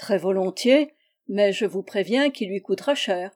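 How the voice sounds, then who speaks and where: A woman's voice: mid-range voice, moderate pace, darkish tone, close to an everyday voice. A woman reading a storybook, voicing a confident, charming young male gardener. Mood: assured.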